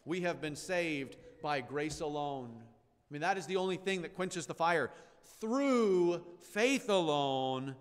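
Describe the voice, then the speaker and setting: A man preaching an expository sermon as pastor, emphatic, with loud declarations that drop to quiet asides. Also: on the high side, moderate pace, long reverb tail. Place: church sanctuary.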